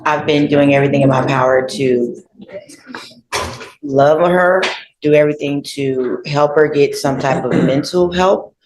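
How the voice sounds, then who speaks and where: A woman's voice: low voice, measured pace, darkish tone. A woman speaks as a defendant, explaining herself earnestly. The courtroom sound is echoey, with faint noise behind the voice.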